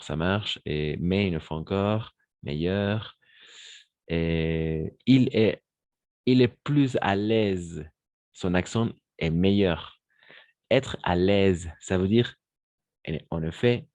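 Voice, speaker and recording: A man with a very low voice, teaching French to Spanish-speaking learners. He speaks slowly and deliberately, repeats key phrases and switches into Spanish to explain them. His voice sounds dry and close to the mic. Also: a little mellow, dry recording.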